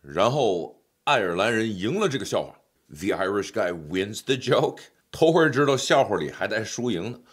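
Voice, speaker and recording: Playful low-voiced man teaching. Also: big pitch swings, a little fast, few pauses, heavy background noise. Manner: playful, joking asides to the viewer. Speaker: English pronunciation teacher. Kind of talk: scripted lesson voice-over.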